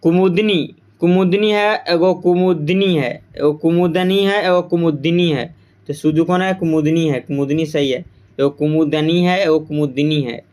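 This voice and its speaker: A male teacher runs through exam-prep grammar points, asking a question and then repeating the answer back. His voice is smooth and resonant and sits a little high for a man. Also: fairly even intonation, measured pace, darkish tone. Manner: repeats answers with quiz-style questions to the class.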